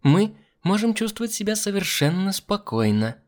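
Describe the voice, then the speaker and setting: A man's voice: sits high, big pitch swings, normal speed, voice pushed up. A man doing a snappish scheming young woman. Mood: sharp, coaxing. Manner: sharp, snappish, falsely sweet.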